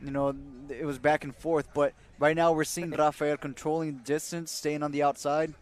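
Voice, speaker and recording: A man's voice: a little high, level tone, moderate pace. A man giving casual analysis as a boxing commentator, with faint noise behind him.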